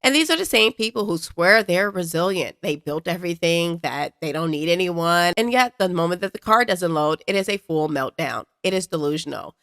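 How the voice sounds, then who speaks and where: A woman's voice: lowish voice, lively intonation, moderate pace, hardly any pauses, a bit bright, dry recording, studio quality. A woman hosting a commentary show, lecturing in a scornful tone. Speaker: commentary host. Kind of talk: political commentary.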